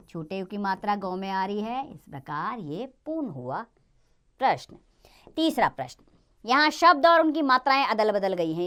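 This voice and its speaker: A woman teaching a Hindi lesson for children, speaking slowly, clearly and encouragingly. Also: mid-range voice.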